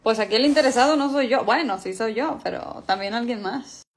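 A woman's voice: fairly high pitch, a little fast, close to an everyday voice. A woman voicing an easygoing middle-aged father who teases and flirts with a laid-back drawl. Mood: flirty.

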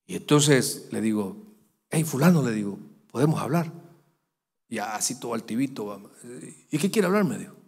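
Animated pastor in a reverberant hall. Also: male voice, medium pitch, normal speed, gravelly, pauses often, slightly rough. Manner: animated, acts out voices in his anecdote. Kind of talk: storytelling sermon. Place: church hall. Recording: long church hall reverb.

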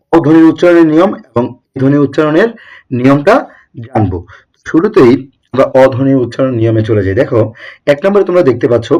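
A man's voice: medium pitch, a little mellow. A young man teaching an exam-prep lesson, who keeps posing rhetorical questions and answering them himself.

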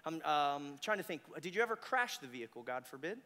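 Intense stage mind reader man, high bright voice. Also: very animated, a little fast. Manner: intense, commanding mind-reader patter, giving instructions. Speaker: stage mentalist performing to an audience. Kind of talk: live mind-reading stage show. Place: large hall with audience, on a microphone. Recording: echoey hall, long reverb on stage microphone.

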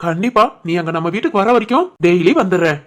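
A woman voicing a doting, joking grandfather in an animated family story, with a southern Tamil accent from the Tirunelveli area and a teasing, affectionate manner. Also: fairly low pitch, fast talker, natural voice. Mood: caring. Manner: teasing, warm, jokey.

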